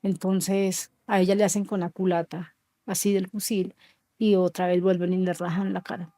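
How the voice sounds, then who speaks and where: Woman, 30s, from Colombia, interview guest; dark, even delivery, slow and halting, dry close sound. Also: lowish voice, no room sound. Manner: slow, halting storytelling with soft trailing lines. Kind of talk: emotional personal testimony.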